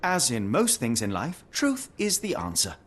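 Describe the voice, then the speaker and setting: An actor playing Sherlock Holmes as a sharp, arrogant, restless consulting detective in a video game, brusque and articulate. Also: male voice, medium pitch, wildly swooping pitch, normal speed, slightly rough, heavily acted. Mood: impatient. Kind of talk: video game cutscene acting.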